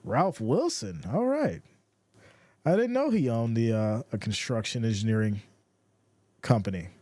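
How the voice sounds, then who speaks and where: A man's voice: mid-range voice, sing-song, a little slow, warm tone, dry recording. Laid-back man calling football. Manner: laid-back, reads viewer comments between plays. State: has the hiccups. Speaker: livestream football commentator. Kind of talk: casual play-by-play and chat reading.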